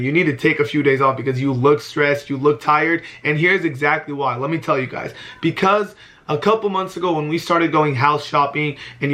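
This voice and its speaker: Young man in his twenties, vlogger, bright forceful voice, slightly high, heartfelt and emphatic. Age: 20s. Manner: heartfelt, emphatic, repeats himself when emotional. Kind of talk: earnest talk to camera.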